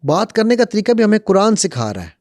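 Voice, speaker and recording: Man, podcast guest, animated storytelling, fairly high voice, dry studio. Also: no echo. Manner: animated, lively storytelling and acting out quotes. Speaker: guest speaker on conflict management. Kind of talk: podcast conversation, storytelling with acted quotes.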